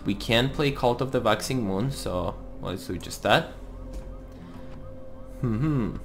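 A man's voice: mid-range voice, slow, creaky. A man giving casual gameplay commentary, thinking aloud as he plays. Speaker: host of a card game let's play series. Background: music.

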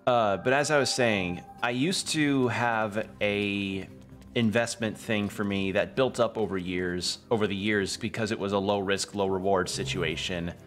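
A man's voice: fairly low pitch, steady tone, a little slow, a bit bright. A young man chatting casually while streaming a video game, rambling and often correcting himself, with some swearing. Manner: rambling, self-correcting, profane. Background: game music.

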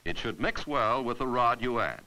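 A man narrates an old instructional film in a bright, forceful voice whose pitch rises and falls in a lively way. At a moderate pace he explains each step with patient clarity, like a 1950s classroom reel, and the recording is low in quality as a 1950s educational film soundtrack.

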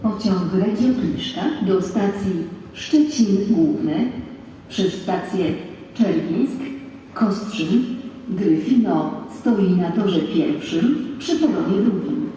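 A woman making a formal, measured train station announcement, heard over a PA loudspeaker on a railway platform. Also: medium pitch, animated. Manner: measured, formal, evenly paced delivery. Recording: echoey distant loudspeaker on a noisy platform.

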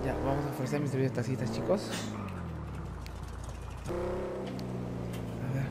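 A man streaming a game, swearing a lot and talking loud and frantic. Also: mid-range voice, big pitch swings, takes it slowly, creaky, very noisy. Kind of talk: casual gaming stream chat.

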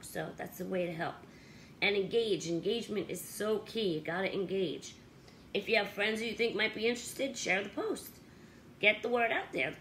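A woman's voice: a bit bright, slight background noise, rough recording. A middle-aged woman casually reviewing a laundry gadget to camera at home, chatty and upbeat, with fillers. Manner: chatty, upbeat, with fillers; high baby-talk when calling her dogs. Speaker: pet channel host. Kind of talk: casual product review vlog. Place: home bedroom with dog beds, indoors.

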